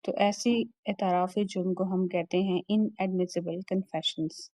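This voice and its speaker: This is a law lecturer, a woman with a Pakistani accent, giving an explanatory lecture that moves between Urdu and English. Her fairly low voice is warm but flat, and she takes her time, repeating and rephrasing each point methodically like a teacher. The recording is dry and of low quality.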